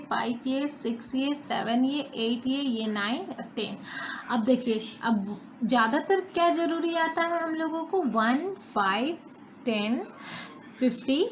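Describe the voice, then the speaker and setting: A young woman from India teaching a math lesson, patiently counting through place values and answering her own questions. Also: high voice. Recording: faint background noise.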